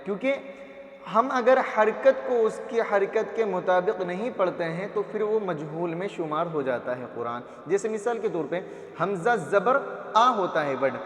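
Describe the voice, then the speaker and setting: A man teaching Quran reading, slowly sounding out syllables one by one and asking his own questions. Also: high-pitched, animated, a bit bright. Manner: drills letter sounds, repeats each syllable, asks and answers his own questions. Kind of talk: slow classroom recitation lesson. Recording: echoey roomy reverb.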